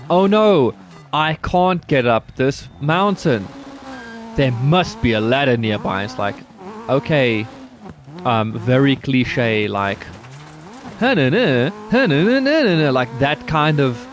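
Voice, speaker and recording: A man streams a rally game and rambles to his chat in an easy, off-the-cuff way, dropping the odd curse. His voice sits at an ordinary pitch. A loud car engine and game sounds run underneath the whole time. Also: noisy background. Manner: rambling, laid-back, swears casually, chatting with viewers. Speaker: gaming streamer. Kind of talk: casual live-stream chat while playing.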